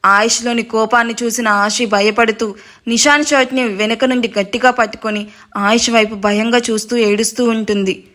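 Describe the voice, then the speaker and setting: List: woman, storyteller, scripted narration, dramatic, playful asides, high voice. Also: fairly even intonation, normal speed, fairly bright tone.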